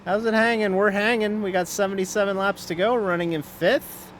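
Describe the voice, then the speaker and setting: His voice is high-pitched, steady and fairly bright, with a little hiss or hum in the recording. He's streaming a sim race and chatting casually, rambling between driving calls, often restarting sentences, interrupting himself and laughing quickly.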